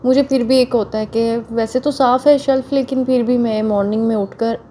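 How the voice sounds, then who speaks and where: Chatty woman, slightly hoarse. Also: a little high, fairly even intonation, a little fast, warm tone, slight background noise. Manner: chatty, homely, addresses viewers directly. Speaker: home vlogger. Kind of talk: casual voice-over narrating chores.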